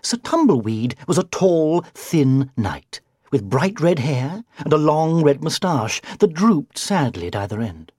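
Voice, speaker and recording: A storybook narrator with a husky, breathy voice that swings widely up and down as the tale unfolds. The reading is expressive and sometimes sinks to a whisper for effect. The sound is dry and close. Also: medium pitch, a little slow, hardly any pauses, dry recording.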